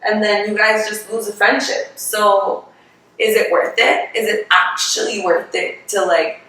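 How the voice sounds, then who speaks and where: A woman's voice: medium pitch, fairly even intonation, a little slow, bright, forceful tone. A young woman co-hosting a podcast in casual chat, emphatic and swearing as she rambles through her opinions. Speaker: podcast co-host. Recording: very echoey room, far from mic.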